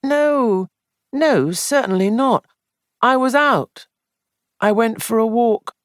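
A reader voicing a distraught young man accused of murder, pleading in a high, shaky voice. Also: slow pace, dry recording, clean studio sound, natural voice. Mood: defensive. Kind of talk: audiobook character voice.

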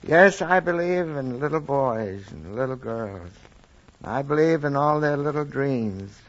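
A man playing a jolly, gentle Santa Claus. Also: mid-range voice, lively intonation, a little slow, close to an everyday voice. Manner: bumbling, mild and chuckling. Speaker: comedy guest star. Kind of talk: 1940s radio comedy acting. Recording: dull old radio broadcast with faint hiss.

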